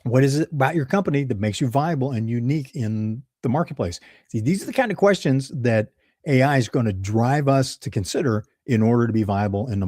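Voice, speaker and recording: A mid-range, slightly mellow male voice hosts a solo leadership talk in a Midwestern American accent. Recorded with clean studio sound and no echo, he's conversational, drifting into asides and revising what he's said.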